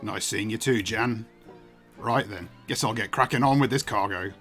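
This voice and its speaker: A streamer voicing Yeppe, a gruff working ferryman who talks in a folksy way, says "ain't" and drops words, in a narrative video game. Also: medium pitch, moderate pace, a bit bright, soft background music, close to an everyday voice. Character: gruff working man, a ferryman hauling cargo.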